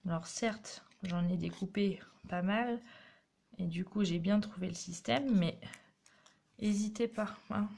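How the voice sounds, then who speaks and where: A woman with a medium-pitched, creaky, somewhat mellow voice takes her time hosting a craft tutorial. She chats and encourages viewers while demonstrating each step as she works.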